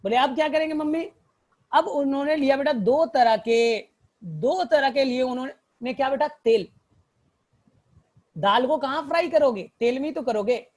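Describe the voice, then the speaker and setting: A man's voice: very high-pitched, animated, unhurried. A male teacher tells a story to help students remember plant examples, fondly calling them "child" and checking often that they follow. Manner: fond, addresses students as child; repetitive, checks understanding. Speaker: biology teacher. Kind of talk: mnemonic storytelling lesson.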